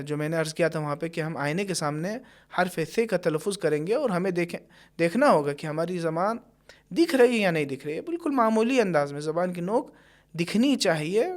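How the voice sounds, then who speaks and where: Patient man teaching Quran pronunciation. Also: a little high. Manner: patient, explains carefully, stretches words when demonstrating. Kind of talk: tajweed lesson with slow recited examples.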